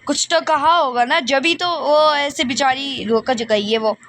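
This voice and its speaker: A woman's voice: high voice, unhurried, fairly bright tone. A woman voicing a short-tempered father who curtly scolds his daughter. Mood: scolding. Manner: curt, scolding.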